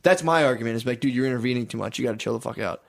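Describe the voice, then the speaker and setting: A man's voice: mid-range voice, very fast, creaky. A young man in casual chat, rambling and profane as he defends his dogs and tells stories.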